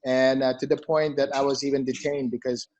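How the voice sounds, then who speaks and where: In an interview, a middle-aged CEO from the Philippines shares his own story in a brisk, flat, mid-range voice with a slightly mellow quality. Emphatic throughout, he repeats phrases for emphasis and peppers his talk with "you know" and "okay?", captured as lo-fi sound.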